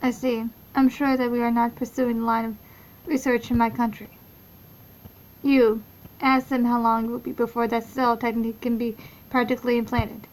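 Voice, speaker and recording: A woman voicing a reserved young male prince from a visual novel, reading his lines in a deliberate flat monotone. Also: a little high, lightly acted, low-quality recording. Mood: cool.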